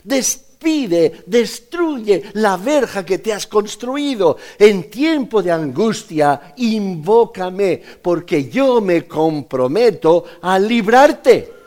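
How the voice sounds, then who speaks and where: Male preacher, emphatic delivery with wide swings in pitch, slow and deliberate. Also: lively intonation, a little mellow. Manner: emphatic, rising to exclamations. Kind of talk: sermon.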